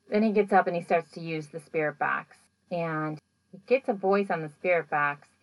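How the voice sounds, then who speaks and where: Her deep, gravelly voice comes through a low-quality recording as she hosts a podcast recapping a paranormal show. She's casual and rambling, leaning heavily on "like" and "you know," and becomes animated when acting out scenes.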